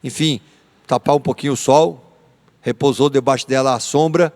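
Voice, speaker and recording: A man with a Brazilian Portuguese accent, a pastor teaching a church Bible lesson in an animated, dramatizing, chatty way. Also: medium pitch, normal speed. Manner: animated, dramatizing, conversational with tag questions. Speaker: pastor teaching a theology course. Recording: long church-hall reverb.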